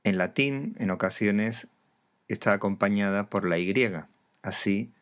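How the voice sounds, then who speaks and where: Slow, low-voiced man narrating a lesson. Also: clean tone. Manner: slow, careful enunciation of example words. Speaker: teacher. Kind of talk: scripted instructional narration.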